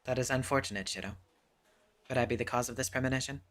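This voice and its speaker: A man voicing a cool, composed tall woman who speaks calmly and softly in a visual novel read-aloud. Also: medium pitch, quick pace, close to an everyday voice.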